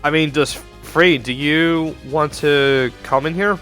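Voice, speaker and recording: A man casting a live online game tournament, with excitable, chatty and rambling play-by-play. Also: a little high, slow, soft background music. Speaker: esports tournament caster.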